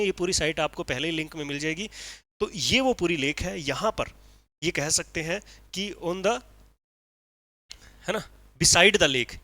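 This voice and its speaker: A male teacher gives an energetic exam-prep literature lecture with a bright, forceful tone and a slightly raised pitch. The recording is dry and close, with no room sound. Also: dry recording. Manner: energetic, explaining, frequent "ठीक है".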